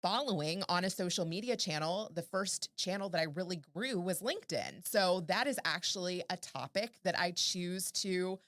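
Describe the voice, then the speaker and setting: A woman's voice: lowish voice, expressive, normal speed, few pauses, a bit bright, dry recording, studio quality. A woman guesting on a podcast, giving advice by firing off strings of rhetorical questions. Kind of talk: casual podcast chat.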